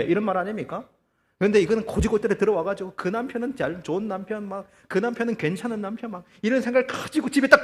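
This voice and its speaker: A man preaching a sermon as pastor, telling a story with lively, acted-out quotes and rhetorical questions to the congregation. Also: high-pitched, big-room sound. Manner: animated storytelling, acting out quoted voices. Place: church.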